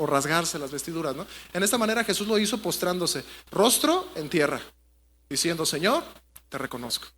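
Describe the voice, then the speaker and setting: A man's voice: high voice, pushed and bright, slight background noise. A man preaching a sermon to his congregation in a conversational way, often asking them rhetorical questions. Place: church.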